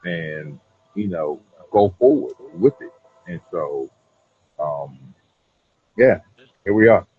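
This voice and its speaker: Deep, husky man chatting casually. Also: lively intonation, slow, long pauses, phone-quality sound. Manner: rambling, repeats "you know what I'm saying". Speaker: cigar brand owner being interviewed. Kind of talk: casual conversational interview.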